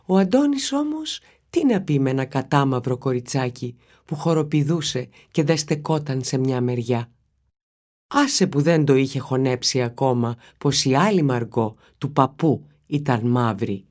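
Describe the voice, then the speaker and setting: A woman narrating a children's story in a steady, expressive reading voice. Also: a bass voice.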